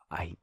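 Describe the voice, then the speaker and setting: In an intimate audio roleplay, a man speaks softly and hesitantly to a partner, pausing with sighs and restarting his sentences. There's no echo.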